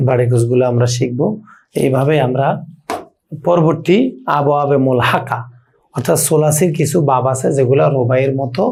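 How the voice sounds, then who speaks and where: A man with a Bangladeshi accent teaching an Arabic grammar lesson, chanting conjugation tables in steady rhythmic runs and asking questions that he answers himself. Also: mid-range voice, vocal fry. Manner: asks the class questions and answers them himself. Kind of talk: recitation-style lesson.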